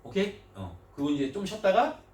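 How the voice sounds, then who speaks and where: High-pitched guy teaching class, keeps checking if students get it, echoey room, mic a bit far off. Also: huge pitch swings, quick pace, a little mellow. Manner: checks in often with short questions to students; mixes polite and casual speech, calls students 얘들아. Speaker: Korean language teacher. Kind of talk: classroom lecture. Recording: echoey room, mic at a distance, faint noise.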